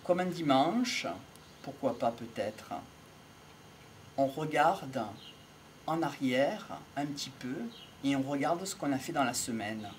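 Slow, measured older man outdoors. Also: medium pitch, slight background noise. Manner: measured, pausing often, philosophical. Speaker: speaker on voice and communication. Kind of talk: slow reflective monologue to camera. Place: outdoors in a sunny country field. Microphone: handheld mic. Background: faint outdoor ambience with birds.

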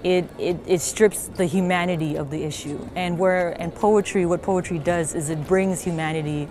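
A woman's voice: lowish voice, fairly even intonation, moderate pace. A young woman from the Marshall Islands, a poet and activist, speaking earnestly and reflectively in an interview. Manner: earnest and reflective, some fillers. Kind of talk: interview and spoken word poetry. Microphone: close camera, studio interview. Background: music.

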